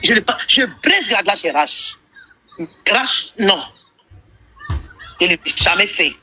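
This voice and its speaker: A woman's voice: mid-range voice, expressive, slow pace, bright, forceful tone, slightly rough. A woman calling into a live stream, hesitant and defensive, repeating herself. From Ivory Coast. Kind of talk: heated phone call on a live stream. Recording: muffled phone-call audio.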